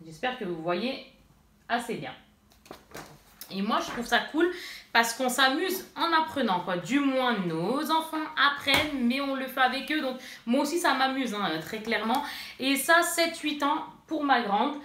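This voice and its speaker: Woman, mother, casual unboxing vlogger; high, bright voice, rambling, talks to viewers; roomy bedroom sound. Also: expressive, unhurried, a little hiss or hum. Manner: chatty, rambling, speaks straight to viewers. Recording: echoey room.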